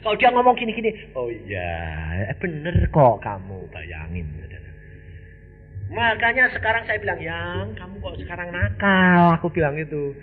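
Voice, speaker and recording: An older man from Indonesia preaching a storytelling sermon, with dramatic swings between loud, high outbursts and quiet, low asides. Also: big pitch swings, normal speed, soft background music. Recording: slightly dull, faint background noise.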